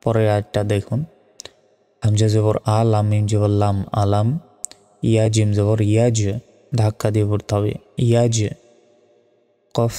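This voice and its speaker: Deep-voiced man teaching Quran recitation. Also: warm tone, long reverb tail. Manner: spells out Arabic syllables slowly and patiently; chants Quranic verses slowly and melodically. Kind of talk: step-by-step recitation lesson.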